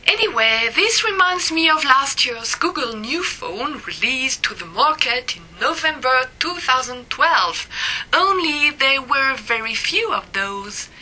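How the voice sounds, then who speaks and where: Slow, bright, animated woman reading aloud. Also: sits high, low-quality recording. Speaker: blogger reading her own post. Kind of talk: reading a personal essay aloud.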